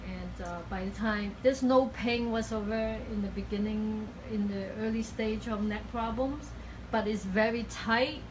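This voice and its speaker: Halting woman explaining, over clear background noise. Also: medium pitch. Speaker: acupuncturist giving a cupping treatment. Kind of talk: explaining a treatment in casual talk. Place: acupuncture treatment room. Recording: clearly noisy room recording.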